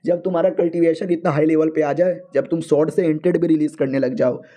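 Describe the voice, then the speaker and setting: Sword master, man voicing, loud, lecturing, mellow. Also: fairly high pitch, steady tone, fast, lightly acted. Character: boastful male sword master.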